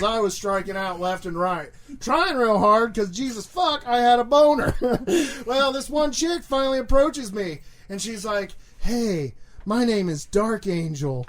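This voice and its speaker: A man's voice: very high-pitched, a little slow, few pauses, a bit bright. A man in his thirties co-hosting a podcast, telling crude stories with frequent laughter. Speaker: podcast co-host. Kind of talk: casual podcast banter.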